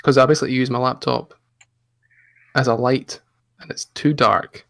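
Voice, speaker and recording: A man of thirty-five, co-hosting a live gaming podcast in relaxed, chatty conversation. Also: mid-range voice, normal speed, vocal fry. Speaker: podcast co-host. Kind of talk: casual chat.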